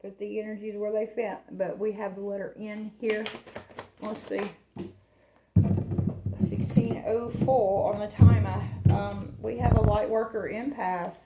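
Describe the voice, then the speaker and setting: A woman's voice: mid-range voice, little pitch movement, unhurried, echoey room, very noisy. A woman hosting a casual tarot reading for her channel, rambling and chatting, often laughing at herself. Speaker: tarot reader and channel host.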